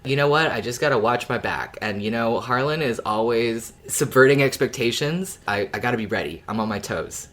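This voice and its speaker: Fairly quick and a bit bright, the medium-pitched voice of a podcast co-host runs on with few pauses. They're casually discussing an audio drama, rambling informally and swearing now and then.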